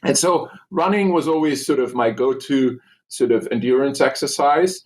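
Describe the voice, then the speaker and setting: A man from Germany, a doctor talking about himself as a podcast guest, relaxed and full of "uh"s. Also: medium pitch, normal speed. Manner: relaxed, hesitant with many "uh"s. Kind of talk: casual interview chat.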